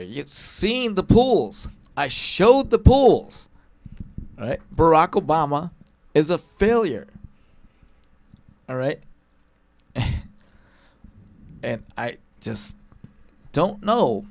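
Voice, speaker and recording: A male talk show host giving an emphatic political commentary monologue, hammering one point again and again and tagging his lines with "all right?" and "okay?". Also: fairly high pitch.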